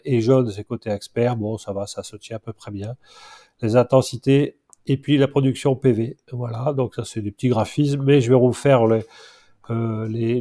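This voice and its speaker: Congested, mellow-voiced man, halting delivery. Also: medium pitch. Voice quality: nasal, congested from a blocked nose. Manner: hesitant, improvised, halting delivery. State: stuffed-up nose from allergy. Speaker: vlogger showing his home solar setup. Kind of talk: casual screen-share tutorial.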